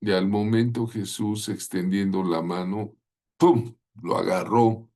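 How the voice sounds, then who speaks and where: A man's voice: fairly low pitch, fairly even intonation, unhurried, dark tone. A man teaching a Bible lesson in sermon style, retelling the stories vividly and often asking his listeners rhetorical questions.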